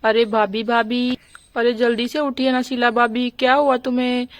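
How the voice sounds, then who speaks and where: A woman voicing a village husband and father in a doll storybook, speaking in a lowered voice with a fussing, boastful manner. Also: flat delivery, normal speed, close to an everyday voice.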